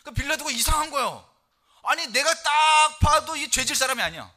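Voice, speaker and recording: Male pastor, sermon, high voice, bright and forceful tone, swings from loud to soft. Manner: animated preaching, quick and emphatic, rising loud for scripture quotes; drops to low soft tones for key points.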